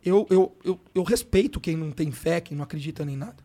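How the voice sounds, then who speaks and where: A man's voice: fairly high pitch, fast talker, mellow. A man with a Brazilian Portuguese accent, a guest on a podcast, telling a personal story in casual, slang-filled talk. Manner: slangy, emotional, frequent filler words like "cara" and "brother". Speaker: podcast guest, sports coach.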